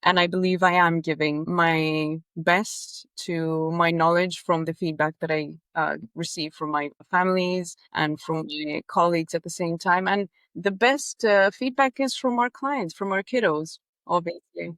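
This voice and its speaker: A woman's voice: on the low side, fairly even intonation, unhurried, hardly any pauses, fairly bright tone, dry recording. A woman from Greece with a Greek accent, a behavior analyst talking earnestly in an interview, with hesitations and restarts. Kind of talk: casual interview chat.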